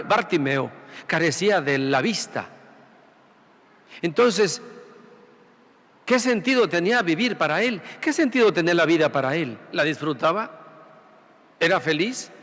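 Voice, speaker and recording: A man's voice: fairly high pitch, lively intonation, a little slow, pauses often, fairly bright tone, long reverb tail. A man who is a priest, preaching a Sunday sermon through rhetorical questions and repeated phrases. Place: large church sanctuary.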